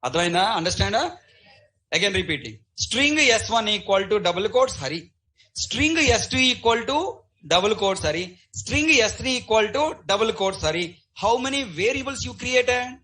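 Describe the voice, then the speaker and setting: A man's voice: high-pitched, normal speed, rough recording. A middle-aged man teaching a live programming class, constantly quizzing his students. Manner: animated, questioning students constantly.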